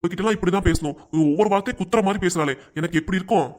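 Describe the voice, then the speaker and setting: A man voicing a patient middle-aged cartoon father who answers his wife and son softly and defensively. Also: high voice, racing, natural voice. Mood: pleading. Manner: soft, pleading and defensive. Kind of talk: cartoon voice acting.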